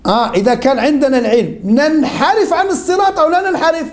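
A woman's voice: sits high, fast talker, a little mellow. A woman teaching a religion class, repeating questions over and over and calling on her students to answer. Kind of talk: interactive class lesson.

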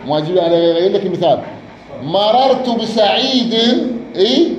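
A man's voice: fairly high pitch, animated, rapid-fire, dark tone, dull audio. A man teaching a grammar lesson, repeating words and quizzing his student. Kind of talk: Arabic grammar lesson, question and answer. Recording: echoey room, faint noise.

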